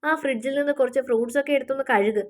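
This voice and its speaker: A tired middle-aged mother gives plain, matter-of-fact instructions, as a woman storyteller puts her on. The voice stays high and close to the narrator's own. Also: racing, close to an everyday voice. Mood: weary.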